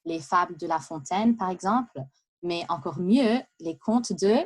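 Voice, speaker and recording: A woman giving a prepared talk, lively and chatty, with many asides and hesitations. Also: fairly low pitch, measured pace. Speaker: speaker giving a practice talk. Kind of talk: prepared speech for interpreting practice.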